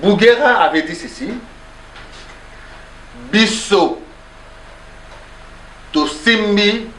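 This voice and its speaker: This pastor's voice is high, a bit bright, and extremely slow as he presses his point in a debate, blending French and Lingala. He cuts in again and again with "non, non," captured in an echoey space with faint noise behind him.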